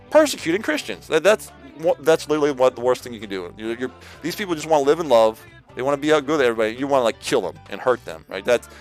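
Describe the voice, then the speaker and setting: Male streamer, casual preaching, rambling, lots of "like", lively swings in pitch. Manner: rambling, full of "like" and repeated restarts; slangy, addresses listeners as "man".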